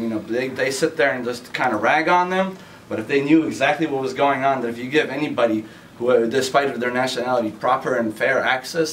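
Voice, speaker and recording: A man's voice: mid-range voice, a bit bright. Chatty man telling a story off-mic. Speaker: community manager at a game store. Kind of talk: casual spoken anecdote for an interview. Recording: distant mic with faint background noise.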